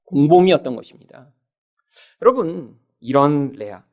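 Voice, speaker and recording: A man preaching a sermon as pastor, animated, often calling out to the congregation and acting out quoted voices. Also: on the high side, moderate pace. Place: church sanctuary.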